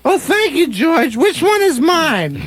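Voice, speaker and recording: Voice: sits high, a bit bright, exaggerated voice. A performer voicing a boisterous, scatterbrained old uncle in a comedic radio play, exclaiming and repeating things over a noisy, clicking track. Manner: repetitive, exclaiming, breaking into giggles.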